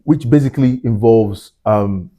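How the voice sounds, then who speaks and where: A man's voice: medium pitch, measured pace, dark tone. A man hosting a science podcast, talking in a casual, rambling way with many fillers. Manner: chatty, lots of fillers and asides. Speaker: podcast host. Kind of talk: casual interview chat. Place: Glasgow.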